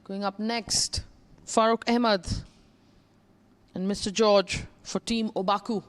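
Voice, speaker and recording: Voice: medium pitch, steady tone, slow. A golf commentator giving live commentary on tournament play, describing players and putts.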